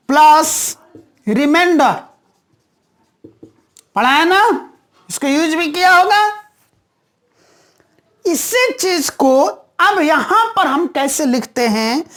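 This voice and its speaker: A woman's voice: sits high, a bit bright. A woman teaching a maths lesson, patiently repeating each step and answering her own questions.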